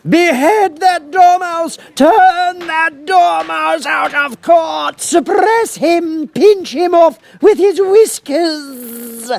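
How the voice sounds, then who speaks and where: A man voicing a furious, bloodthirsty female Queen in a storybook, shrieking out drawn-out commands. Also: very high voice, vocal fry, no room sound, voice pushed up, heavily acted. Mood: shrieking rage.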